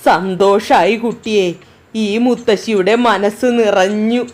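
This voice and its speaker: A woman's voice: medium pitch, steady tone, unhurried, a little mellow, close to an everyday voice. A woman voicing an old, emotional grandmother in a spoken story. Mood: tearful.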